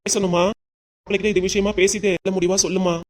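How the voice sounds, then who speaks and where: A man's voice: high voice, fairly even intonation, a bit bright, a little hiss or hum. A man playing a worried, widowed older father in a cartoon, pleading with his daughter in a southern Tamil dialect. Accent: Tamil, southern Tamil Nadu dialect. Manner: pleading, emotional, fast-talking.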